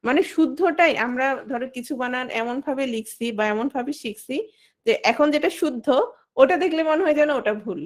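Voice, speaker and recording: A woman's voice: sits high, fairly quick. A woman teaching an exam-prep language lesson. She keeps asking her students questions, answers them herself and calls on students by name.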